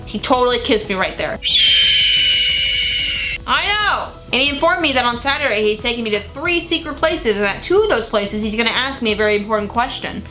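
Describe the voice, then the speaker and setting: A woman's voice: fairly high pitch, lively intonation, fairly quick, over music, poor audio. A young woman reading old teenage diary entries aloud in a dramatic, gushing way, breaking off for casual, sweary asides. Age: young adult. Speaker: vlogger.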